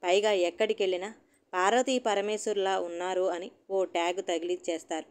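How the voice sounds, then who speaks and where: A woman's voice: medium pitch, steady tone, brisk, smooth, natural voice. Woman reading as a peevish middle-aged housewife. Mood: irritable. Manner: sharp, peevish complaining.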